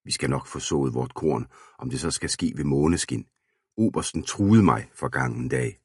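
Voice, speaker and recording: Storybook father figure, a measured, admonishing old farmer, read by a man, very deep, husky. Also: animated, no room sound, clean studio sound, heavily acted. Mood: grave. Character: older male farmer, grave and cautious.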